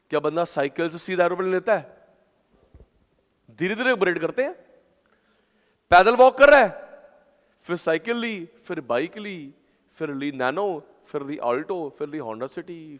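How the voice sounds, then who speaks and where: A male teacher giving a classroom lecture, drilling terms through loud, chanted call-and-response repetition. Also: fairly high pitch. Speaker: commerce teacher. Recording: long hall reverb.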